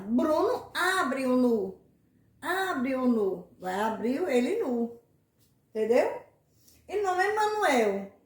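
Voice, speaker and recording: A woman's voice: sits high, darkish tone, distant mic. A woman in a casual monologue, rambling and repeating words as she explains letter sounds in names, laughing at herself now and then. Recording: echoey room, faint background noise.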